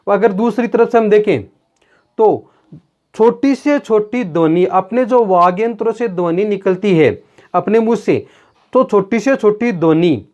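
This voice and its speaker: Male grammar teacher, high voice, lecture delivery with rhetorical questions, dull lo-fi recording. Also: darkish tone. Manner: explains step by step with rhetorical questions. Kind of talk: classroom-style lecture. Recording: dull lo-fi sound.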